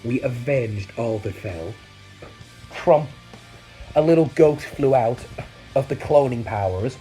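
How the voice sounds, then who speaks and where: A man's voice: mid-range voice, slow, faint music behind, low-quality recording. Man telling a mock-epic online saga. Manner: swings between excited yelps and mock-solemn mutters. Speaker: YouTuber. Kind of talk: comedic storytelling vlog.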